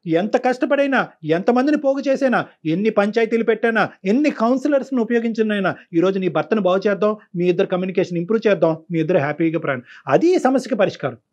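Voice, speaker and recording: A man's voice: high voice, expressive, fast, hardly any pauses, darkish tone, highs cut off. A man counseling a caller on a call-in show, stern and preachy, repeating phrases for emphasis. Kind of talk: lecturing advice to a caller.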